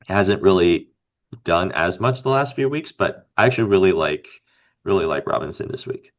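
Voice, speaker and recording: A low-voiced man co-hosts a casual fantasy game podcast, sounding slightly raspy because he's under the weather. He rambles and thinks aloud with plenty of fillers, and the recording is muffled.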